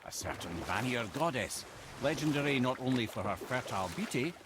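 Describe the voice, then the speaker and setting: Game narrator figure, male, played by a man, lively measured storyteller over clear boat-and-water ambience. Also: medium pitch, background noise, close to an everyday voice. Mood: storytelling. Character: male storyteller recounting old legends. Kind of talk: video game voice acting.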